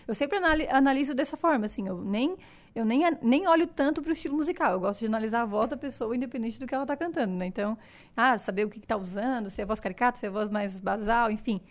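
A woman speaks in a clearly high voice, talking as a singing teacher in a relaxed podcast chat. She explains with eager enthusiasm and slips into little vocal demonstrations as she goes. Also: fast.

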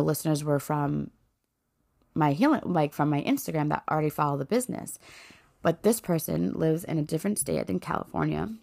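A woman's voice: low voice, gravelly. A woman in her thirties hosting a personal faith podcast, talking in a heartfelt, rambling way full of "like" and "you know". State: voice cracking with emotion. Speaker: podcast host.

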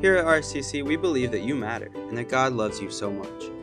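Man, church podcast host, scripted welcome, mid-pitched voice, clear guitar bed behind. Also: animated, fairly quick. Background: guitar music.

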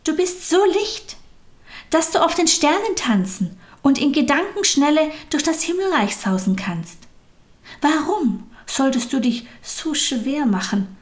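A woman voicing a kind, loving soul, speaking tenderly and often in a soft whisper. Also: high-pitched, expressive, unhurried, pitched above the performer's own voice. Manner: tender, softly whispered, rising with feeling.

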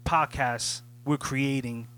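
A man's voice: medium pitch, steady tone, takes it slowly, fairly bright tone. A man co-hosting a casual podcast chat, talking in a reflective way and often asking "you know what I'm saying". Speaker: podcast co-host.

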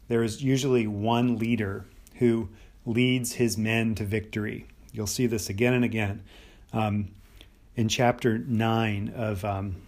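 Guy with a lowish voice rambling through ancient history on his podcast, lots of ums. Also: a little mellow. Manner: thinking aloud with many fillers and restarts. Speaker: podcast host. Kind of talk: unscripted history talk.

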